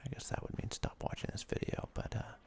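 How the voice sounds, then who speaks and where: Over a video game, the host speaks in a soft ASMR whisper, keeping the commentary relaxed and broken up by pauses.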